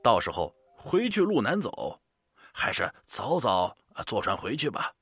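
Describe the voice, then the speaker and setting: A man's voice: on the low side, wildly swooping pitch, a little slow, fairly bright tone, breathy edge, no echo, faint music behind, heavily acted. Man doing a timid young ferryman. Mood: eager.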